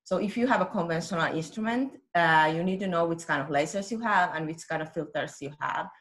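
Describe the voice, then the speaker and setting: A woman's voice: on the low side, a little fast. Finnish-accented woman giving a technical talk. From Finland. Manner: steady explanatory delivery with frequent "uh" and small self-corrections. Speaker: technical application scientist. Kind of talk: webinar presentation.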